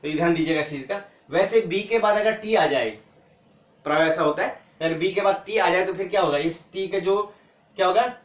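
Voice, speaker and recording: A man teaching English pronunciation, asking questions and answering them himself, repeating each word slowly. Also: sits high. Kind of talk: classroom lesson. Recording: echoey room.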